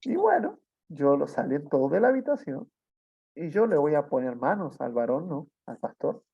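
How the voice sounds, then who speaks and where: Male preacher, fairly high gravelly voice, testimony sermon on a dull lo-fi recording. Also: very animated, normal speed. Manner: storytelling with frequent tag questions. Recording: dull lo-fi sound.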